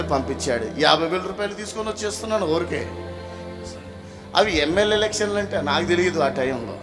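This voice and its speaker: A man preaching a revival sermon, telling a testimony and acting out the dialogue, calling the crowd to shout hallelujah. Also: on the high side. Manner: acts out dialogue in storytelling. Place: revival meeting in a village. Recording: music playing behind the voice.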